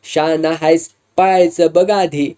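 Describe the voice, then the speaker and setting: A man's voice: on the high side, steady tone, slow, dark tone, clear, resonant tone. A man voicing a haughty middle-aged village landlord who talks curtly and dismissively. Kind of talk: storytelling with acted dialogue.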